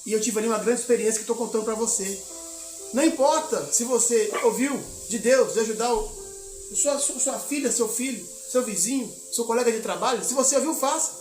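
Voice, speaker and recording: A man's voice: very high-pitched, fairly quick, echoey room, soft background music. A man from Minas Gerais, a missionary preacher, telling a testimony in a sermon, acting out the dialogue of his story and exhorting the congregation. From Minas Gerais, Brazil.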